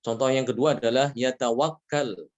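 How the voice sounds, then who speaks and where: Guy teaching tajweed, steady mid voice, keeps saying "ya" and drawing out the arabic examples. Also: medium pitch, lo-fi sound. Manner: patient, repeats examples slowly, frequent "ya" checks; chants Arabic examples slowly and louder. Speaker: Quran recitation teacher. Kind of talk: religious lesson on tajweed rules.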